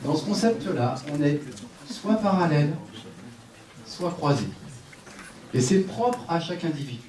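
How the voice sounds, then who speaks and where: A man with a fairly high voice lectures a live audience on a headset mic, giving quick instructions and teasing people in the room. The sound is echoey and a little distant, with faint room noise behind him. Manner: lively, directive, joking with audience. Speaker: sports conference speaker. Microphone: headset microphone.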